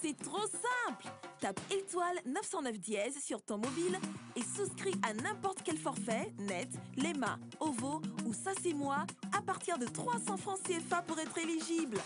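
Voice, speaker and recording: High, lively woman ad announcer. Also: normal speed. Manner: bright, emphatic selling. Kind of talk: upbeat scripted ad. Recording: loud music bed behind voice.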